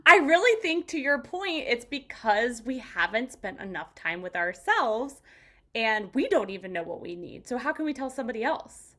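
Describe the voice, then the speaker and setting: A woman hosting a podcast interview in casual chat, enthusiastic and animated, often jumping into excited quoted voices. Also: on the high side, normal speed. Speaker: podcast host.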